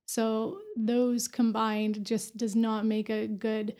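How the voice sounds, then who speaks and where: A woman's voice: fairly high pitch, level tone, takes it slowly, warm tone. A woman in her twenties from Afghanistan, a medical student giving earnest, plainspoken answers as a podcast guest. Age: 20s. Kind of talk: casual interview.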